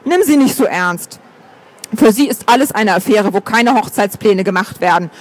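An easygoing older man with a soothing, wry manner, as a male narrator reads him. The voice stays light and high, read in an even storybook delivery. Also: normal speed. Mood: reassuring.

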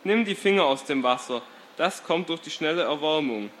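Guy reading as a cheerful young buddy, teasing and easygoing, voice a bit high. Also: expressive, moderate pace, fairly bright tone, slight background noise. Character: young man, loyal cheerful companion.

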